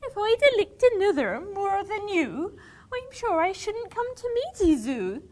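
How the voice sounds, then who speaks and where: A woman's voice: very high voice, very animated, darkish tone, full character voice. A woman playing a teasing young girl, reciting a dialect verse dialogue with a playful, scolding manner. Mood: indignant. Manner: playful, scolding, quick to laugh. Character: young country girl sweetheart, pert and teasing.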